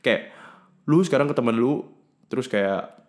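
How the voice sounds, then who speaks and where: A man's voice: mid-range voice, expressive, moderate pace. A young man telling a personal story in casual, slangy talk, cursing often and mixing in English words. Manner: swings between loud bursts and mumbled asides.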